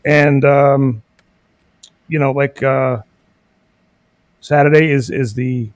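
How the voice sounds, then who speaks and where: A man talking as a guest in a casual interview, rambling and hesitant with many pauses and fillers. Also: mid-range voice, steady tone, no echo. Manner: rambling, many ums and uhs, halting.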